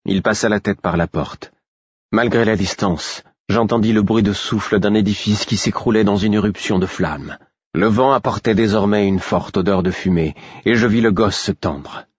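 A man narrating a first-person audiobook in a steady, measured way. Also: fairly low pitch, breathy edge, no room sound, muffled recording.

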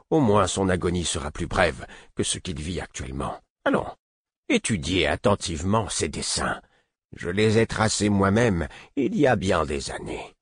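A man voicing a stern older male mentor who gives curt orders and shouts in anger, reading an audiobook. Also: low voice, breathy edge, dry recording, pitched above the performer's own voice, full character voice. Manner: curt and commanding, rising to shouts.

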